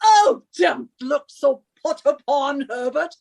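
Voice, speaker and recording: A woman with a high, lively, slightly mellow voice and vocal fry plays the scornful British wife of a professor in a suspense radio drama. Speaking slowly in an exaggerated way, she henpecks and scolds, bossy and impatient.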